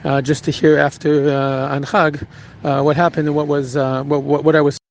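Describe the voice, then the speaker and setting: A rabbi recounting a personal story in an earnest, halting way, with frequent restarts. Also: male voice, a little high, little pitch movement, creaky, a little hiss or hum, poor audio.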